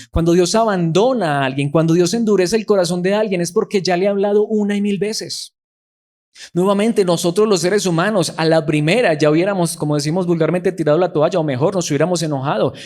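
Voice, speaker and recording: A man's voice: fairly high pitch, darkish tone. A man preaching a sermon, who keeps putting rhetorical questions to the congregation.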